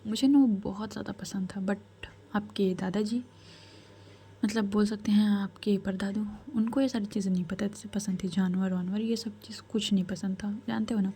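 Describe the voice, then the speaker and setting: A woman's voice: medium pitch, steady tone, dark tone, husky. Woman voicing a wise royal grandmother. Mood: firm counsel. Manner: measured, counselling, firm. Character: calm, commanding royal grandmother, older woman.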